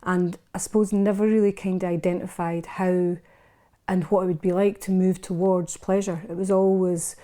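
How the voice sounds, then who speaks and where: A Scottish woman in her fifties speaks as a podcast guest, candid and unguarded as she tells her own story. Her voice sits low and mellow, and she often stops and restarts mid-sentence. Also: level tone, moderate pace. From Scotland. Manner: frank and unguarded, with frequent restarts. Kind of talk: candid personal storytelling in a casual interview.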